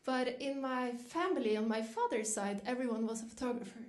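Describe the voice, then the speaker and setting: Speaking briskly in a voice on the high side, a middle-aged woman from Norway delivers a thoughtful dinner keynote built around storytelling. Her voice rises whenever she repeats her own words.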